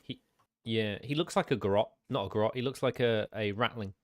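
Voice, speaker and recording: A man's voice: lowish voice, normal speed. A man co-hosting a podcast, chatting casually with dry, teasing humor and frequent swearing. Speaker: podcast co-host. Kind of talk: casual banter.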